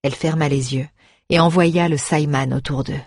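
Husky low-voiced lady reading a fantasy book, steady pace. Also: no room sound, studio quality. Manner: steady, measured storytelling. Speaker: audiobook reader. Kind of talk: scripted fantasy narration.

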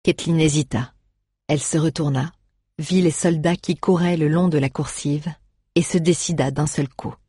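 A woman reading a fantasy story aloud in a measured, expressive way. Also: deep voice, slightly rough, no echo, studio quality. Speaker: audiobook narrator. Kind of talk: scripted storybook narration.

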